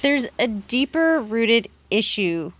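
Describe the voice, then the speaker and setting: A woman's voice: on the high side, very animated, slow pace, fairly bright tone. A woman who works as a dating coach, giving confident, emphatic advice in a casual podcast conversation.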